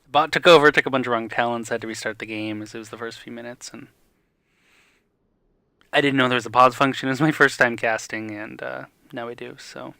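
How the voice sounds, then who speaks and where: A young man casting a live esports match with the hiccups, calling plays quickly and getting excited during fights. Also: mid-range voice, creaky, smooth, dry recording. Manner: rapid excited play-by-play that rises in fights. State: has the hiccups. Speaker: esports caster.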